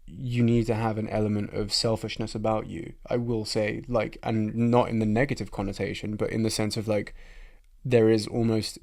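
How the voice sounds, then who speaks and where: A man's voice: fairly low pitch, little pitch movement, moderate pace, creaky, darkish tone. A man hosting a podcast, talking in casual chat, frank and reflective, swearing freely. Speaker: podcast host.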